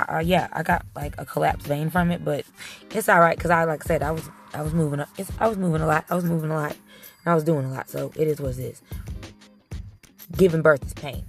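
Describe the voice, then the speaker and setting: Woman, low voice, comic storyteller, profane, animated, faint music behind. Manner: animated, blunt and profane, with frequent restarts. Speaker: storyteller recounting her childbirth. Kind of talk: casual comedic storytelling to camera.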